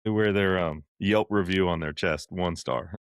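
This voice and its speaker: A man's voice: low voice, moderate pace, clear, resonant tone, dry recording, studio quality. A man hosting a faith podcast conversation, reflective and asking probing questions. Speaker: podcast host.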